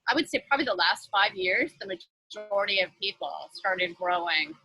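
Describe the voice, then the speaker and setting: A woman's voice: mid-range voice, animated, normal speed, sharp tone, low-quality recording. A woman talking as a guest on a video call from her front porch office, chatty and upbeat with lots of fillers. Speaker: guest, nonprofit leader. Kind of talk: casual interview chat.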